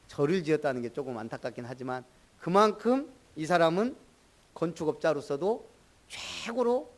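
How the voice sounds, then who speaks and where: Pastor, middle-aged man, higher-pitched voice, chatty sermon delivery that quizzes the congregation by name. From Jeolla, Korea.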